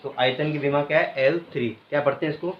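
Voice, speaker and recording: A man's voice: a little high, steady tone. Man teaching a class, quizzing students. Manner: quizzes students, pausing for them to finish answers; repeats key terms slowly and patiently. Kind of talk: classroom physics lecture. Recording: echoey room, muffled, faint hiss.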